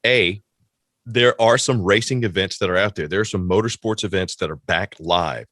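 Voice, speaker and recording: Animated male podcast host, dry sound. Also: low voice, moderate pace, no room sound. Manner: animated storyteller, acts out quotes in a raised voice. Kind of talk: casual podcast chat.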